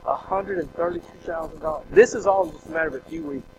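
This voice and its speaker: Man, preacher, folksy storytelling, fillers and restarts, slightly higher voice. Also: very animated, quick pace, vocal fry, faint music behind, poor audio. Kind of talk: storytelling testimony.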